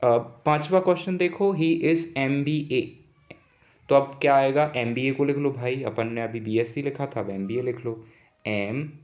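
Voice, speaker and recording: A man's voice: mid-range voice, a little slow. A man who teaches English grammar patiently and often repeats key points as questions for the students. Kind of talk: explaining an English grammar lesson. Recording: dull lo-fi sound.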